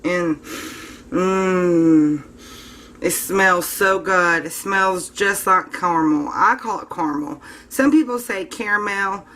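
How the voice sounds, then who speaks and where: Woman, vlog host, bright tone, chatty, casual demo talk, faint hiss. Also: lowish voice, a little slow, few pauses. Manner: chatty, addresses viewers as guys. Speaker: soap-making channel host.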